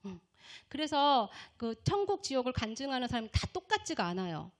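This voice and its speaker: A woman missionary preaches an emphatic revival sermon in a sing-song voice at a slightly fast pace. She asks the congregation questions and answers them herself, acting out shouting voices in a high pitch.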